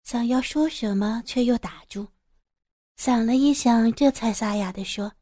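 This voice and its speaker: Mellow-voiced woman storyteller. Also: fairly high pitch, measured pace, no room sound, studio quality. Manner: calm, steady, descriptive reading. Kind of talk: scripted audio story narration.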